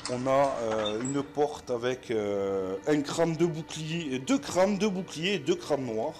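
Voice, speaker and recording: A man with a southwest French accent speaks slowly in a mid-range voice over music as he narrates a solo board game. Full of filler words, his chatty commentary treats the viewers as friends.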